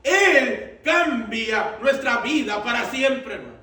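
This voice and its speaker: A man preaching a sermon as pastor, slow and deliberate, repeating his phrases for emphasis. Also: very high-pitched, animated, bright, forceful tone. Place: church sanctuary. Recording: echoey church room, mic at a distance.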